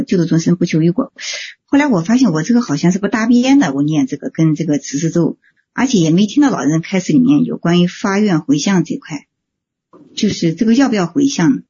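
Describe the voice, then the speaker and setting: A woman's voice: lowish voice, mellow, husky. A woman student politely asking her teacher questions on an online call, hesitant with many fillers. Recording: dull lo-fi call audio.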